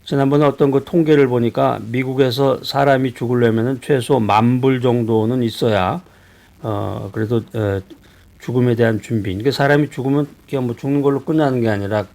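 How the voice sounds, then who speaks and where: A man from Seoul, a pastor giving a conversational sermon, asking his listeners questions and pausing on hesitations. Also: medium pitch, steady tone, darkish tone. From Seoul, South Korea. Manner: conversational preaching with rhetorical questions and frequent hesitations.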